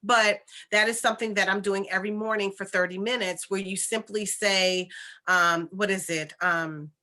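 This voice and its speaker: A woman's voice: mid-range voice, steady tone, moderate pace, bright, forceful tone. A woman speaking casually and earnestly to viewers as a spiritual coach, rambling conversationally and often checking in with them. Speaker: spiritual coach and host of oracle readings.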